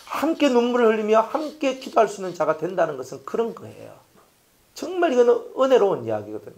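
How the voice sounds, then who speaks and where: Man, pastor, sermon, animated pitch, emphatic, rhetorical questions, loud-to-whisper swings. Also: creaky. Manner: emphatic preaching that swings between loud appeals and near-whispers; repetitive, rhetorical questions to the congregation.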